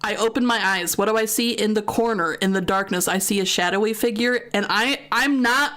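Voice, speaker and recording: A woman's voice: mid-range voice, a little fast, a bit bright. A young American woman streamer casually telling a long story, chatty, with lots of fillers and swearing. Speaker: gaming streamer.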